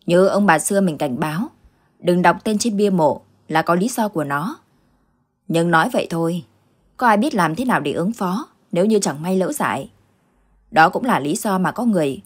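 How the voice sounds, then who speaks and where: A woman voicing a stern older village uncle who fights ghosts, gruff and commanding, in an audio ghost story. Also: on the low side.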